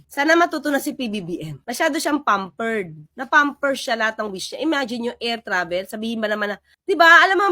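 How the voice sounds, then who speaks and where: A woman giving casual political commentary, animated and sarcastic as she replays and reacts to clips. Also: high-pitched, dry recording, clean studio sound.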